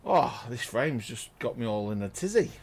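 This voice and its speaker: An excitable man, doing chatty live commentary on a pool match and exclaiming loudly at big shots. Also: medium pitch, normal speed, vocal fry, slightly rough. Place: pool lounge.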